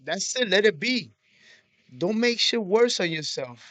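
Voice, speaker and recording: Give me a blunt man doing reaction commentary, fairly high voice, dry sound. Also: animated, a little slow, a bit bright, no room sound. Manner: blunt, profane, matter-of-fact. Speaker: reaction video host.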